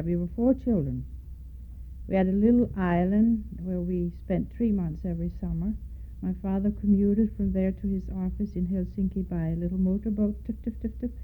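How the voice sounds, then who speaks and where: An older Danish woman with a Danish accent recalls her life in an oral history interview, spelling out names letter by letter. Her medium-pitched voice is steady and moderately paced, heard through tinny, phone-like lo-fi tape.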